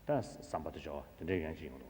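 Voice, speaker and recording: A Tibetan man with a Tibetan accent teaches philosophy in a very deep voice that swings widely in pitch. He is heard in a long, echoing hall. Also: lively intonation, very fast, warm tone. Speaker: Buddhist teacher. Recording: echoey hall with background noise.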